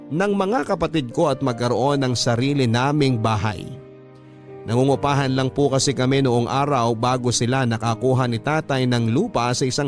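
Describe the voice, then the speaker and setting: A man with a medium-pitched, natural voice narrates a scripted first-person letter for a radio drama, playing a storyteller reading a listener's letter. He reminisces politely and earnestly over a bed of background music.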